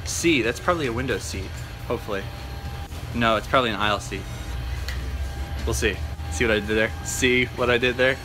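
Music plays behind a young man whose mid-range voice moves a little fast, with frequent pauses. It's a casual travel vlog shot on a handheld camera at arm's length, and he's cheerful and playful throughout airports, the plane, the car and the hotel room.

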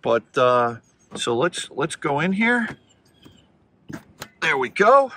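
A man's voice: on the high side, very animated, slow pace, pushed and bright, a little hiss or hum. A man talking casually from inside his car, rambling and thinking aloud as he drives and charges. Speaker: vlogger reviewing electric cars. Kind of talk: casual talk while driving.

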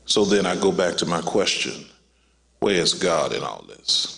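A man preaching a funeral sermon as pastor, calling his listeners "child of God" and building to a high, excited pitch. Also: a little slow, vocal fry. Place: church sanctuary. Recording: long church reverb.

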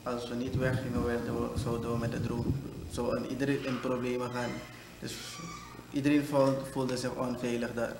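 A man's voice: medium pitch, little pitch movement, normal speed. A man interviewed for a news report, giving a stumbling account. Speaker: company employee interviewed. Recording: echoey with clear background noise.

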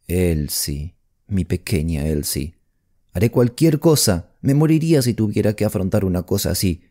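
A man's voice: lowish voice, lively intonation, a little fast, mellow. A man reading an audiobook voices a worried, decisive middle-aged mother who speaks firmly and with emphasis. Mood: urgent. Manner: urgent, firm, emphatic. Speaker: audiobook narrator voicing a character. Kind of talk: audiobook character voice.

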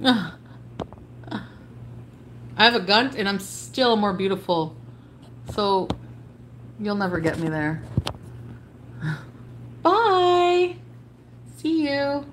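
A woman's voice: medium pitch, a little hiss or hum. A woman livestreamer in an angry, profane rant, hurling insults at her chat while blocking people.

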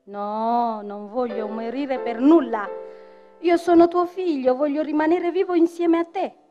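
A woman's voice: high-pitched, fairly even intonation, measured pace, voice pushed up. A woman voicing a defiant mortal man who refuses to die, speaking insistently and pleading. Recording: dull lo-fi stage recording with faint music.

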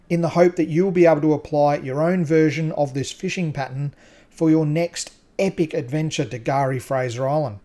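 A man narrating a scripted voice-over introduction in an upbeat, steady presenting manner. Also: on the high side. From Australia. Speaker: fishing channel host.

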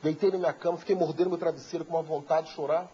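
A man's voice: on the high side, steady tone, very fast, warm tone, slight background noise. A man from Belo Horizonte, a talk show guest telling an emotional story and acting out the voices in it. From Belo Horizonte, Brazil. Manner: vivid storyteller who acts out quoted voices. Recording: dull lo-fi TV recording.

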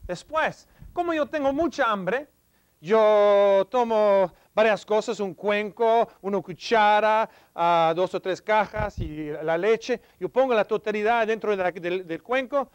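A man's voice: high voice, a little slow, hardly any pauses, smooth, lo-fi sound. A man teaching a vocabulary lesson who acts out each action, then has the class repeat the verb after him, with a few small stumbles. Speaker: language teacher. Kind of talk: vocabulary lesson acting out verbs.

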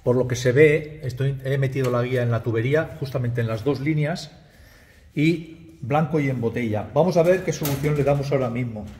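With a medium-pitched, fairly quick, darkish voice and a little hiss or hum, the middle-aged electrician explains his work to viewers on a body-worn camera. He's in a small indoor restaurant back room, calling them "chicos," repeating words and using "¿vale?" frequently.

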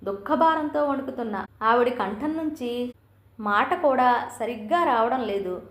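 A woman reads a novel aloud in a steady, even storytelling manner. Her voice sits somewhat high. A roomy echo hangs around every line. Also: unhurried. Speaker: audiobook narrator. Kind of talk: scripted novel narration.

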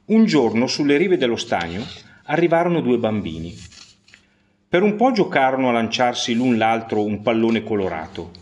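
Man telling a fairy tale. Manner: expressive storytelling with pitch swings and slowed emphasis. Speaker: storyteller. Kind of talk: scripted fairy tale narration.

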